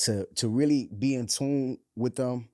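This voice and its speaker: A man's voice: medium pitch, measured pace, warm tone, dry recording, studio quality. A nineteen-year-old man, a rapper guest talking casually in a laid-back way with street slang and repeated phrases. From New York. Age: young adult. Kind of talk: casual interview talk.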